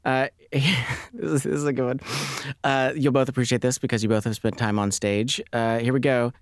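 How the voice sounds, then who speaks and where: A man's voice: medium pitch, fairly even intonation, normal speed, no echo, studio quality. A man co-hosting a podcast, playfully running a party game and teasing his guests. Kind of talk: casual chat.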